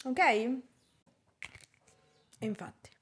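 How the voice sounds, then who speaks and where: A woman teaching a language lesson, pronouncing example words carefully and deliberately. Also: sits high, expressive, husky. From Italy. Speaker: Italian teacher. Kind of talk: slow, clear language lesson.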